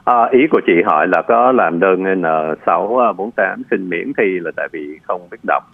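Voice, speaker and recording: Low gravelly lawyer on a phone line. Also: male voice, no echo. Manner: patient, explanatory, frequent filler pauses. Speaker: immigration lawyer. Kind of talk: radio call-in advice. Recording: tinny phone line, dry.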